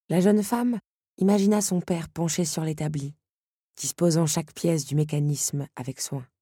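A woman reads a storybook aloud with a low, husky voice in a measured, expressive way. Her tone is warm and mellow, recorded close with a dry sound. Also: dry recording. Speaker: narrator. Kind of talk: storybook reading.

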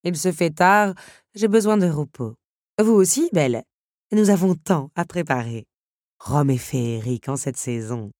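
A woman's voice: low-pitched, lively intonation, measured pace, darkish tone, dry recording, studio quality. A woman voicing a haughty, elegant countess who speaks in a lofty, theatrical way. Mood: grand. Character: haughty elegant older countess, grand and gushing.

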